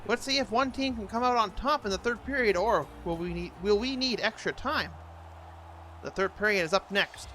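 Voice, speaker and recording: High-voiced man calling hockey play-by-play. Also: moderate pace, sharp tone, faint music behind. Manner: narrates each play in short clipped phrases. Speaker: amateur play-by-play commentator. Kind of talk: video game hockey commentary, announcer impression.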